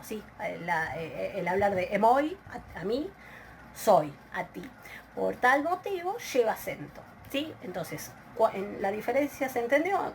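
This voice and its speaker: A woman's voice: a little high, a little hiss or hum. A woman with an Argentine Spanish accent teaching a recorded video lesson, explaining step by step with frequent filler hesitations and restarts. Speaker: Greek language teacher.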